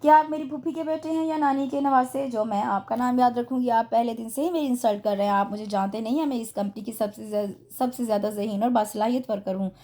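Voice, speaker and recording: A woman's voice: fairly high pitch, quick pace, few pauses, dark tone, close to an everyday voice. A woman voicing a flustered but feisty young female office worker who chatters nervously.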